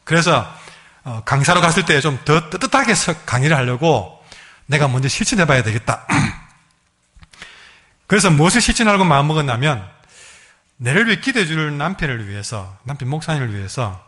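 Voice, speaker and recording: A male pastor with a Gyeongsang accent, preaching a sermon as a lively storyteller who acts out the people in his stories. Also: on the high side, normal speed. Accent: Gyeongsang Korean. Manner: lively storyteller, acting out quoted dialogue.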